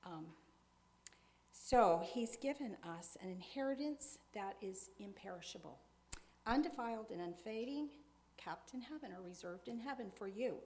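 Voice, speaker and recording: A woman, a pastor's wife, speaking earnestly and conversationally to her congregation in an informal sermon mixed with personal testimony, often pausing on fillers and soft laughs. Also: medium pitch, animated.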